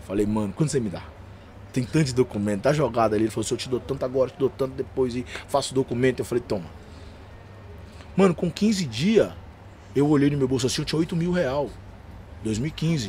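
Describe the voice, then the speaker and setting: A man with a São Paulo accent rattles off his stories at a quick clip, full of slang. He acts out each exchange as he tells it, in the easy style of a podcast guest. A faint room ambience sits under his voice. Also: medium pitch, slight background noise. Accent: São Paulo Portuguese. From São Paulo, Brazil. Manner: animated slangy storyteller, acts out dialogue. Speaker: podcast guest, gospel rapper and preacher. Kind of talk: casual storytelling chat.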